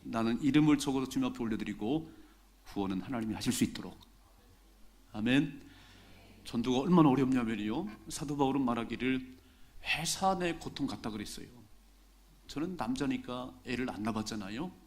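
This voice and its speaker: A middle-aged pastor preaches to his congregation in a relaxed, talky way, often saying a key phrase twice to drive it home. His voice sits at an ordinary pitch for a man, neither high nor low. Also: moderate pace. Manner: conversational preaching, repeats key phrases for emphasis. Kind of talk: sermon. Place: church sanctuary during a Sunday service.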